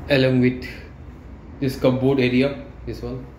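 A male property tour guide from India narrates a walkthrough of an empty furnished flat, speaking plainly and haltingly at medium pitch as he points things out. He films on a handheld phone, and the bare room echoes under loud air-con and traffic hum.

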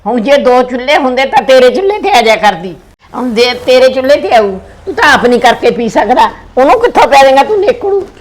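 A woman's voice: high-pitched, animated, fast. An older woman with a Punjabi accent playing a mother in a village family drama, complaining and lamenting.

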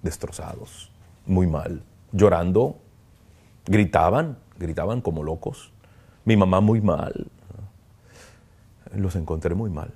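Priest, man, deep and mellow, earnest halting interview testimony. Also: husky. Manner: earnest, halting, reflective, with frequent "¿no?". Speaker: priest, kidnapping survivor interviewee.

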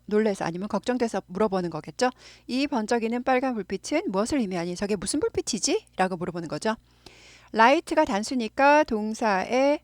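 A woman's voice: medium pitch, no echo, studio quality. Patient woman teaching English phrases. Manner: patient, repeats phrases slowly for practice. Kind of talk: explaining English phrases in Korean.

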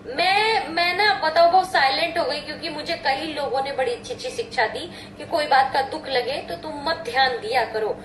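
A woman's voice: high-pitched, normal speed, few pauses, background noise. A middle-aged woman doctor chatting casually in a live chat, giggly and playful as she tells stories and answers questions. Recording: roomy echo.

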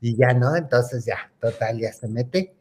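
A man's voice: medium pitch, measured pace, breathy edge. A man telling a gossip story in a campy, theatrical way, calling his listeners "hermanitas". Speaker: host.

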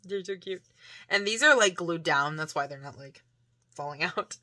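A woman chatting casually to camera as she shows off a shopping haul, rambling with many fillers and laughs and now and then dropping into soft, breathy asides. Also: fairly low pitch, expressive, moderate pace. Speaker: vlogger showing a shopping haul.

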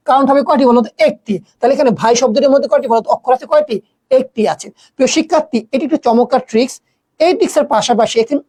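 Fast-talking teacher woman quizzing students. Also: a little high, darkish tone, dry recording. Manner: quizzing students with rhetorical questions. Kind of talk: exam-prep grammar lesson.

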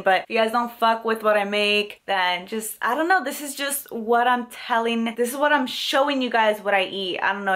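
Young female vlogger, slightly high voice, casual and profane, self-conscious, handheld camera at home. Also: a bit bright. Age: young adult. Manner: chatty, swears a lot, self-conscious. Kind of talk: casual vlog chat. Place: home kitchen, indoors. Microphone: handheld camera at arm's length.

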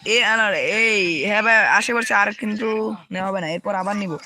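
A man's voice: high-pitched, moderate pace, background noise. A young man with a Bangladeshi Bengali accent, hosting a live gaming stream, reading out viewer names and repeating team codes.

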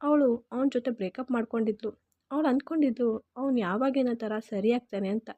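A woman's voice: on the high side, moderate pace, no echo, narrow, tinny audio. A woman narrating an emotional first-person story in Kannada-accented speech, earnest and heartfelt.

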